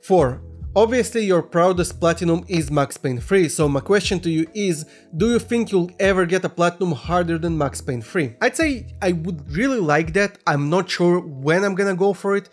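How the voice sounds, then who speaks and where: A man in his thirties from Russia, casually reading viewer questions aloud and answering them in a relaxed vlog, on a studio mic in a small room. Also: high voice, normal speed, faint music behind. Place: small room with neon lights, indoors. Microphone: studio mic on stand in front.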